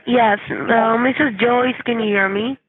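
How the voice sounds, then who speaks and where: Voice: mid-range voice, steady tone, measured pace, breathy edge, no echo. A person with a formal, repetitive, insistent call-center delivery, speaking as if from a script over the phone. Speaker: phone scammer posing as junior investigator. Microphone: telephone call. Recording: narrow, lo-fi phone line.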